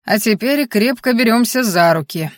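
A woman voicing a blunt, loud young orc woman, a chieftain's daughter, in an audiobook. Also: on the high side, animated, moderate pace, no echo, studio quality, close to an everyday voice. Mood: brisk.

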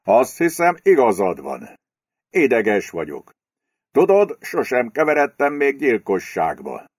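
A man's voice: medium pitch, wildly swooping pitch, slightly rough, dry recording, studio quality, voice pushed up. A man voicing a nervous, anxious male businessman who whines and frets in an audiobook. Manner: anxious, whining. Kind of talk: audiobook character voice.

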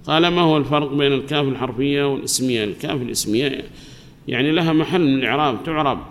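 Brief male grammar teacher, mid-pitched voice, patient, asks and answers, long hall reverb, faint hiss. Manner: explains slowly, asks the class questions and answers them himself. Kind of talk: classroom lesson.

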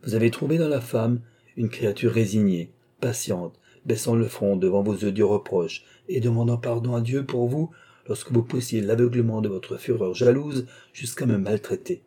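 A man voicing a long-suffering wife and mother who stands up to her husband, in a dark, husky voice raised a little above his own. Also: medium pitch, normal speed, natural voice. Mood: indignant. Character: wife, a resigned mother, now defiant, a woman of middle age.

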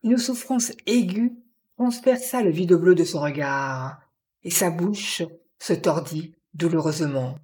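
Female audiobook narrator, deliberate, slow, mellow tone. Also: lowish voice. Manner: measured, deliberate reading. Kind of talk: scripted narration of a novel.

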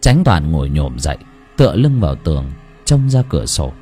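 A man narrating a ghost story in an expressive, dramatic way. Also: moderate pace, soft background music. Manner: expressive, swooping between high and low.

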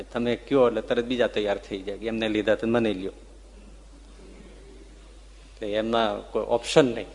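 A man delivers a devotional sermon as a story, his voice mid-range in pitch. He lifts it with feeling at the dramatic moments and lets it fall soft at the tender ones. His voice hangs in the long reverb of a big hall. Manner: tells the story with emotional rises and soft dips. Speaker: religious storyteller.

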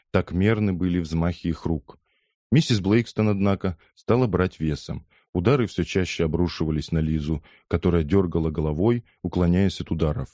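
A man narrating an audiobook in a measured, steady storytelling manner. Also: low voice, dry recording, studio quality.

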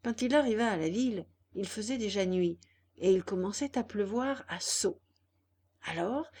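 Female audiobook narrator for a children's tale, slow and expressive. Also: medium pitch. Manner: expressive, deliberate storytelling. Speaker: audiobook reader. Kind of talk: storybook narration.

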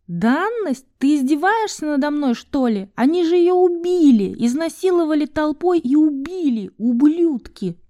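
A woman voicing a furious, foul-mouthed young woman who is trapped and defiant, swearing and sarcastic. She raises her voice high above her narrating tone. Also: animated, normal speed, warm tone.

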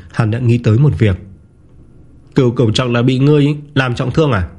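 A man narrating a martial-arts novel in a steady, even storytelling voice. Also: fairly low pitch, breathy edge. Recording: soft background music.

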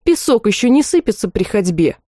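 A woman's voice: medium pitch, big pitch swings, a little fast, dark tone, no room sound, studio quality. A woman voicing a feisty young female student mage in a storybook reading, cheeky and pleading.

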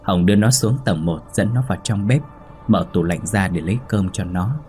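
A man narrating a ghost story in a steady, measured storytelling voice. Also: sits low. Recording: faint background music.

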